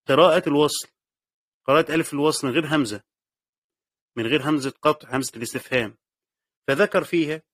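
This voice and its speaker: A man with an Egyptian accent delivers a quick-paced classroom lesson, his voice sitting a little high for a man. He works through each point aloud, repeating key phrases and asking himself questions before answering them. The sound is dry and close, with little room to it. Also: a bit bright, dry recording. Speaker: teacher of Quranic exegesis.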